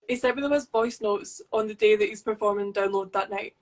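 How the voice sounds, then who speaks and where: A woman's voice: medium pitch, a little fast, darkish tone, poor audio. A woman guesting on a podcast, chatting casually and poking fun at herself. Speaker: podcast guest and host of another show. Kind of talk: casual chat.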